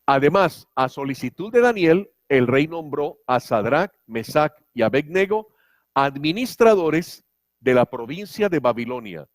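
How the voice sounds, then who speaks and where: A male pastor delivers a sermon, mixing scripture with humorous anecdotes. His voice sits fairly high and moves in wide, lively swings. The sound is dry and close. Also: measured pace, no room sound. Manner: animated, humorous storytelling.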